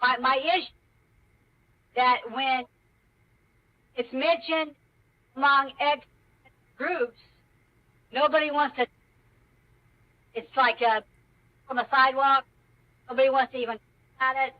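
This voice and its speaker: A caller's voice, pushed very high by a voice changer, arrives muffled and distant over a line riddled with dropouts. The speech is halting, full of restarts and half-finished thoughts. Words keep vanishing as the audio cuts out. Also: fairly even intonation. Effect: audio cutting out in dropouts; pitch-raising voice changer. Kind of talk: call-in discussion.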